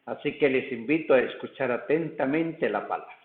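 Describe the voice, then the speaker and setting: Man, priest, Guatemalan accent, solemn and slow, roomy church, tinny sound. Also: mid-range voice. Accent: Guatemalan Spanish. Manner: slow, solemn liturgical delivery, sings doxology. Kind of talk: celebrating mass. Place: parish church. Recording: echoey church over a tinny line.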